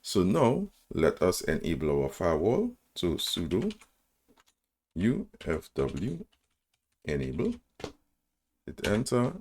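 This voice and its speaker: A man's voice: sits low, wildly swooping pitch, slow, long pauses, darkish tone, husky. A man presenting a screen-recorded coding tutorial, talking through each command step by step, spelling them out and checking in with "right?" as he goes. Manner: frequent "right?" checks and small self-corrections.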